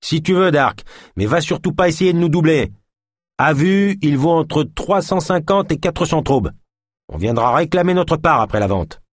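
A man's voice: on the high side, expressive, moderate pace, dry recording, studio quality, pitched above the performer's own voice. A man voicing a burly young street gang member who taunts and bargains with swagger. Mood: cocky.

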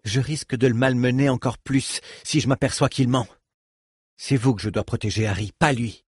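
A man voicing a blunt, sharp-tongued female bodyguard in an audiobook, curt and commanding. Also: mid-range voice, steady tone, moderate pace, slightly rough, dry recording, clean studio sound, close to an everyday voice.

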